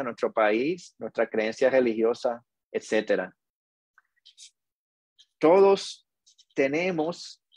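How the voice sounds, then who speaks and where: A middle-aged man, hosting a podcast in a slow, earnest, reflective monologue. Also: mid-range voice, a little mellow, no room sound, lo-fi sound. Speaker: podcast host.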